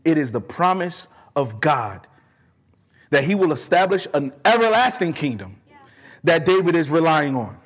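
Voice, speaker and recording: A man preaching a sermon, fervent and emphatic, repeating key phrases for weight and moving between quieter earnest asides and raised declarations. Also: on the high side, big pitch swings, moderate pace, breathy edge. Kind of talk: sermon with scripture exposition.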